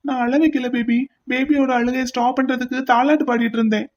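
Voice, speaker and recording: A woman's voice: high voice, fairly even intonation, a little fast, darkish tone, lightly acted. Woman doing a young uncle, cartoon, cooing, doting, clumsy, muffled audio. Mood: sheepish. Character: young uncle clumsily soothing a crying baby. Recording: dull lo-fi audio.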